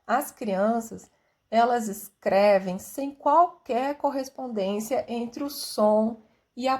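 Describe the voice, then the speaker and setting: A woman's voice: a little high, a little mellow. Woman teaching a lesson. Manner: clear didactic delivery, sounds out syllables and acts out a child's thinking. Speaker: teacher explaining literacy theory. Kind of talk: explanatory lesson narration.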